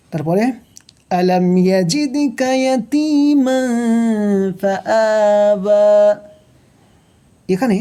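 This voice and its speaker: A woman teaching tajweed, slowly spelling out letters and vowel marks, asking the learner questions and drilling each rule with patient repetition. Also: fairly low pitch, dark tone. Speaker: Quran recitation teacher. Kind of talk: tajweed lesson, spelling out and reciting verses. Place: home recording, unseen.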